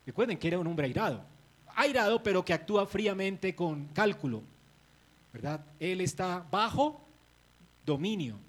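A male pastor with a high-pitched voice preaches with a lot of energy. He acts out the biblical scenes and alternates between rhetorical questions and emphatic statements. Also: husky, rough recording. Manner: animated, dramatizes biblical scenes. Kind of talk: sermon.

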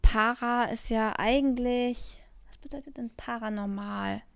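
A woman's voice: on the high side, unhurried, gravelly, smooth, no echo, clean studio sound. A young woman co-hosting a casual podcast chat, playfully musing aloud and guessing at word meanings. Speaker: podcast co-host.

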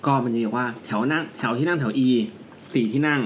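A man's voice: mid-range voice, a little hiss or hum. A man co-hosting a casual podcast, telling ghost stories in a loose, slangy way. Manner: fast, loose storytelling with crude slang. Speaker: podcast co-host. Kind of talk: casual ghost-story chat.

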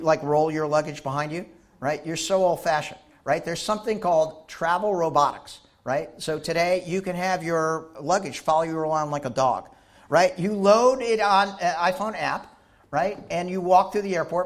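A man giving a lively conference talk, animated and jokey, who keeps checking in with the audience. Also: high-pitched. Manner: jokey, banters with the crowd. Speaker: conference speaker.

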